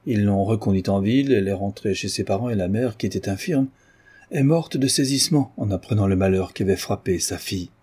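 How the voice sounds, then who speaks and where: A man reading an audiobook, voicing a grave older general who recounts events in a measured, solemn way. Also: fairly low pitch, mellow, husky.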